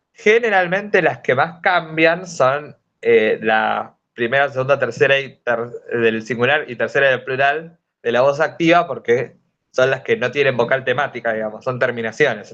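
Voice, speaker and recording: A man's voice: medium pitch, fairly bright tone. Hesitant young Rioplatense man tutoring. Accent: Rioplatense Spanish. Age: young adult. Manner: hesitant, many fillers, explains step by step. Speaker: student tutor. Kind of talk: informal study-group lesson. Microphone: video call. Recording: dull lo-fi online call audio.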